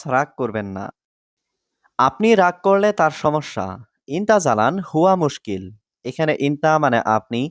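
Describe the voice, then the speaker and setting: A man reading out a scripted language lesson, repeating each phrase and explaining it word by word in a measured way. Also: medium pitch, clean tone, dry recording. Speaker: language teacher.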